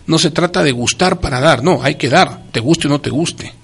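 A man's voice: fairly high pitch, normal speed, husky. Emphatic man giving religious talk. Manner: emphatic, preacherly, repeats key phrases.

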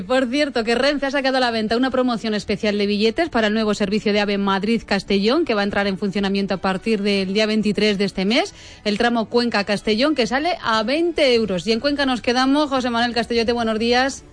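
A female radio news anchor moves through the bulletin at a fast clip. Her delivery is brisk and crisp, built on quick handoffs to reporters. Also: fairly high pitch. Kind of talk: regional radio news hosting.

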